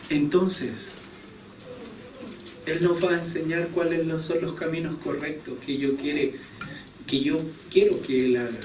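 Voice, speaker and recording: Male preacher, fairly high voice, casual storytelling sermon, echoey church from a distance. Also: steady tone, measured pace, pauses often, darkish tone, slight background noise. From Chile. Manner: conversational storytelling, chuckles at himself. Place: church hall.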